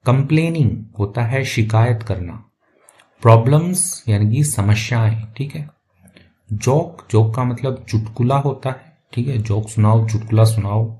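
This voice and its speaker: A man with a dark, mellow voice teaches English by reading a short story line by line. He explains each phrase in a patient, steady way, pausing often to check that the listener is following. His pitch sits at an ordinary middle height for a man. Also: a little hiss or hum. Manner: patient, explanatory, keeps checking with "theek hai".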